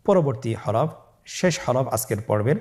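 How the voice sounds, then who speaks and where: A man's voice: medium pitch, animated, moderate pace, a little mellow. A man with a Bangladeshi Bengali accent teaching beginners Quran recitation, patiently drilling and drawing out each letter.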